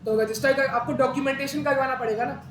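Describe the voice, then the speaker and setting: A man's voice: very high-pitched, fairly even intonation, quick pace, a bit bright. A man teaching an accountancy class, talking conversationally, quizzing students and repeating key terms. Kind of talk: classroom lecture. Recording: echoey room with background noise.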